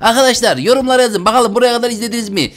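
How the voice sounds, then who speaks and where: A young man giving excitable, chatty commentary on a game, talking straight to his viewers. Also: extremely high pitch, very fast. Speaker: gaming YouTuber. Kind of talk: casual Let's Play commentary.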